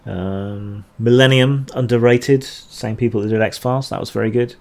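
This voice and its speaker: A man's voice: medium pitch, fairly even intonation, moderate pace, gravelly, darkish tone. A man answering chat questions on a casual livestream, rambling and hesitant with dry asides.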